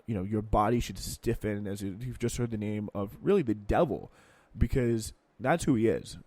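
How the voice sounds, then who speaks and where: A man's voice: mid-range voice, darkish tone, dry recording. Sardonic male podcast host. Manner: sardonic, sarcastic asides. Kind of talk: political commentary, reading and remarking.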